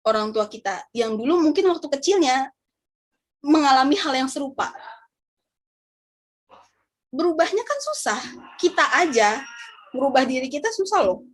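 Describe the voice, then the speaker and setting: A young woman with a notably high voice shares a heartfelt religious talk. She speaks casually, turns to her listeners with questions, and lets her emotion show, sometimes close to tears. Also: sing-song, normal speed, pauses often. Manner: emotional, gets choked up and apologizes; chatty, addresses listeners directly.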